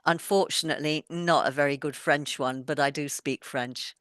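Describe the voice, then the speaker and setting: A middle-aged author, born in England and raised moving around the world, speaks thoughtfully in a casual interview with a mixed British accent touched by Welsh and Yorkshire. Her voice sits low, steady and a bit bright, at normal speed. The studio-quality audio has no room sound.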